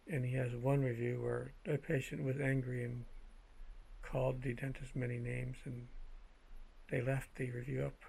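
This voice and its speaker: A man speaking in a measured, halting way with a gravelly, husky voice, telling personal anecdotes in a casual monologue. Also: medium pitch, darkish tone, a little hiss or hum, poor audio. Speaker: vlogger telling personal stories.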